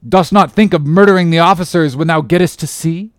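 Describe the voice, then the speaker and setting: A man voicing a gruff, suspicious old male sea captain who blusters loudly in old-fashioned speech. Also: fairly quick, no room sound, clean studio sound, lightly acted. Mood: blustering. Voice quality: loud, booming, archaic speech.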